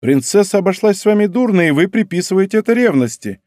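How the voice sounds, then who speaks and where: A man voicing a gallant young king, speaking in soft, tender tones in an audiobook reading. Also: high voice, lively intonation, fast talker, no echo, clean studio sound, voice pushed up. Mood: insistent. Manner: soft, tender murmurs turning firm.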